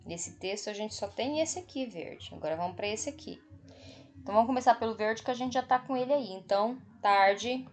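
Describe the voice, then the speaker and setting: In a slightly high voice with a Brazilian Portuguese accent, a Brazilian woman patiently teaches spelling to children online. Her pace is slow; she repeats each word, checks in with the students, and marks them on screen as she goes.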